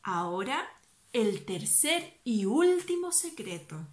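A woman voicing a wise, calm old grandfather frog who speaks gently. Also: a little high, slow pace, roomy sound. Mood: gentle.

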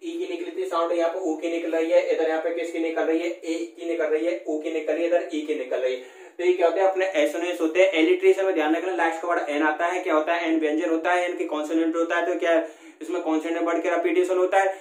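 A man's voice: a little high, flat delivery. Echoey male teacher, drills repetitively. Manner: repetitive question-and-answer teaching, drawn-out example sentences. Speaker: English teacher. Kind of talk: classroom lesson explaining grammar. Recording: echoey room.

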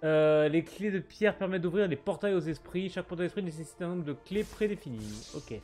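A man's voice: on the high side, brisk, a little mellow. A man casually commenting on his gameplay, chatting with viewers and reading on-screen text aloud in a muttering way. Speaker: gaming streamer. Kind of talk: casual let's play commentary. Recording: light game music behind.

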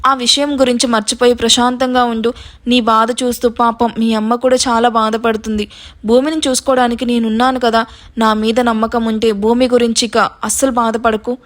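A woman voicing a kind grandmother who gently reassures the family. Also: fairly high pitch, level tone, brisk, close to an everyday voice. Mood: reassuring. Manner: soothing, gentle.

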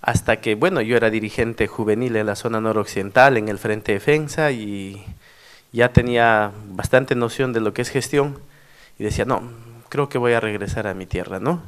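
A man's voice: lowish voice, moderate pace. A middle-aged man from the Cusco region, a former mayor telling stories in a workshop talk and often tagging his sentences with a question. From Peru, Cusco region. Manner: animated storyteller with frequent tag questions. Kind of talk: anecdotal conference talk.

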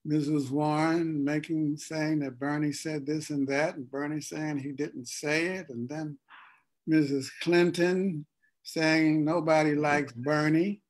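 A man from Ohio hosting a casual political discussion, speaking deliberately and pausing often mid-sentence. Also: fairly high pitch, little pitch movement. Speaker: host.

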